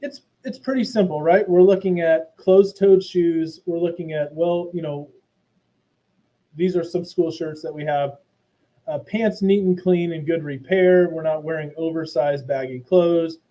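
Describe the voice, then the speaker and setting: A man giving a casual, chatty school presentation to parents from his office. His audio is robotic and garbled, like a low sample rate, and he uses many fillers and restarts. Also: steady tone, unhurried, warm tone, rough recording. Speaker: school principal. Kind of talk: live online presentation to parents. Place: hot indoor office.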